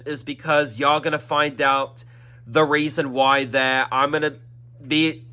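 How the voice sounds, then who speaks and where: Hosting his YouTube channel, a young man with a high-leaning, bright, forceful, clean voice rambles through a casual vlog announcement. His throat is congested and he coughs now and then, repeating himself and looping back with "that is" and "y'all".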